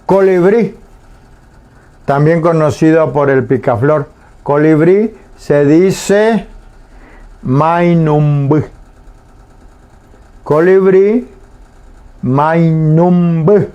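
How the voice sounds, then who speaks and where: A man teaching a language lesson on the radio, saying each word slowly and repeating it twice with pauses. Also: on the high side, dark tone. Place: radio studio.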